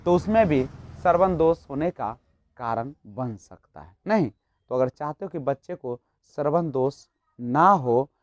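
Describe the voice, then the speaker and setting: A man's voice: mid-range voice, expressive, measured pace, no room sound. A man teaching an exam-prep lesson, explaining step by step and posing rhetorical questions to his students. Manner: explanatory, rhetorical questions, frequent tag "nahin". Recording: dull lo-fi, dry.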